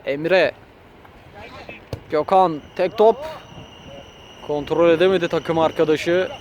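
A male football commentator with a fairly high-pitched voice calls a match live. He names players and moves in short, clipped bursts, lifting his voice when shots come. Faint outdoor noise sits behind him. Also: slow pace. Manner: raises his voice excitedly at shots and goals.

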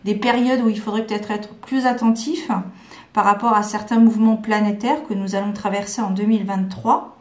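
A woman's voice: medium pitch, fairly even intonation, normal speed, reverberant. A woman from France chatting casually to camera at home, hesitant, with many fillers and restarts. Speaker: vlogger presenting planners. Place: home room.

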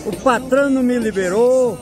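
A man's voice: very high voice, moderate pace, a crowd in the background. A man with a Northeastern Brazilian accent giving casual, jovial, teasing commentary in short repeated exclamations. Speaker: vlogger touring a street market. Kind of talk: casual spontaneous market commentary. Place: outdoor street market. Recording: busy outdoor market with music and traffic.

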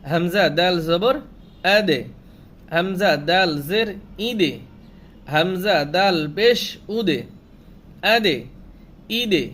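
Male Quran reading teacher, Bangladeshi Bengali accent, drawn-out syllable drills, repeats each reading, faint background noise. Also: sits high, fairly bright tone. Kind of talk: slow spelling-out recitation lesson.

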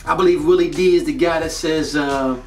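A man in his thirties from North Carolina, United States, hosts a motivational video series and speaks with an American accent in a slightly high, steady, brisk voice. He gives a casual, emphatic, slangy talk to camera in an indoor studio with a plain grey backdrop. The recording is roomy and echoey, with a distant mic and music behind him.

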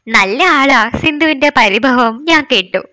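A woman reads a story aloud in the first person, steady and measured. Her voice is high and bright, with a forward edge. The sound is close and dry. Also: dry recording. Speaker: story narrator. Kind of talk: scripted narration of a story.

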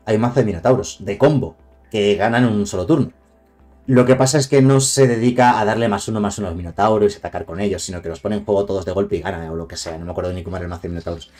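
Speaking rapid-fire in a mellow, low-leaning voice, a man from Spain greets viewers and goes over cards on a live stream while soft music plays behind him. His Castilian-accented chat is relaxed and wanders off on tangents.

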